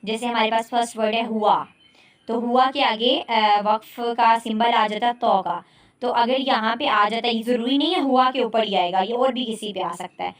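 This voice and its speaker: A woman's voice: on the high side, steady tone. A woman with a Pakistani Urdu accent teaching a recorded lesson on Quran recitation, explaining step by step and often checking that her students follow. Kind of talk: online lecture.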